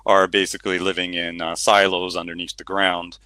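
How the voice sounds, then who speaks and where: The speaker is a middle-aged male novelist interviewed about his book, talking casually with many fillers and restarts and then reading a passage. His low voice holds a level tone, moves a little fast, and sounds sharp, with no echo.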